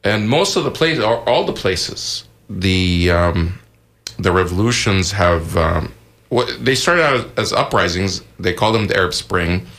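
Man from Egypt, radio talk show host, very low voice, gravelly fry, halting delivery with fillers. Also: animated, a bit bright. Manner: hesitant, frequent fillers and restarts. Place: radio studio.

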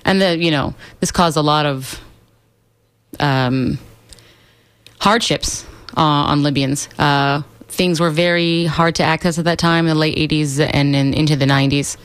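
An American woman, a political and community organizer, answering questions as a guest in a radio studio in an articulate, steady way. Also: low voice, unhurried, smooth, no room sound. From United States.

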